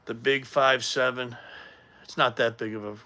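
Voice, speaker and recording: A man's voice: medium pitch, steady tone, moderate pace, sharp tone. A man, rambling casually to viewers on a live stream from his home workout space. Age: 50s. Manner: rambling, chatty, greets viewers by name. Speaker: livestream host. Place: home gym.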